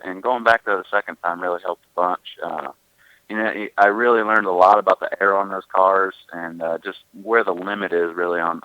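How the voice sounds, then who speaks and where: Low bright-toned man on a dull line. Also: clear, resonant tone, no room sound. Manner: modest, relaxed, many fillers. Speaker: race driver guest. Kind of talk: radio interview.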